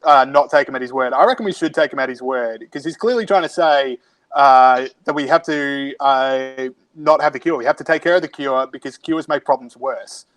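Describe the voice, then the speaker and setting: A man's voice: medium pitch, normal speed, a bit bright. A man with an Australian accent co-hosting a podcast, chatting in a wry, sardonic way from home. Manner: wry, sardonic, reads out tweets. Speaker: podcast co-host. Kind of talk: casual podcast banter. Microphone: remote recording from home.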